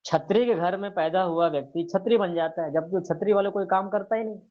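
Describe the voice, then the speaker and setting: A man teaching a scripture lesson, reciting verses slowly and putting rhetorical questions to his listeners. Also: high-pitched, phone-quality sound. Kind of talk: explanatory religious lecture.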